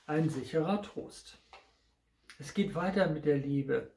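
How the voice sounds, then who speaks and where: Slow, gravelly older German man reading. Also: a little high, a little mellow, slight background noise. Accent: Low German. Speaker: reader. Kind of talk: reading comic poems aloud. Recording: roomy echo.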